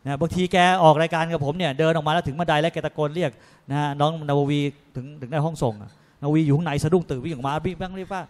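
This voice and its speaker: A man lecturing on a religious panel in a lively, joking way, acting out people's voices in his stories. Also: on the high side, very fast. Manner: often tags sentences with polite particles. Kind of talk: religious panel talk to an audience.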